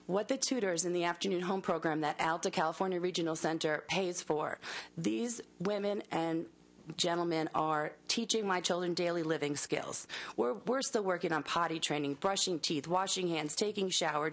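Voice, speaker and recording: A woman, a mother, giving earnest public testimony at a hearing, pleading with halting restarts. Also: on the low side.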